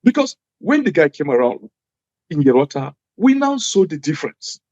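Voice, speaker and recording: Heard on a muffled recording with no room sound, a Nigerian man from Jos speaks English with the accent of his native Hausa. He is a former government official appearing as an interview guest, and his somewhat high, darkish voice has a sing-song lilt at a moderate pace. His style is earnest and emphatic, with repeated phrases for stress.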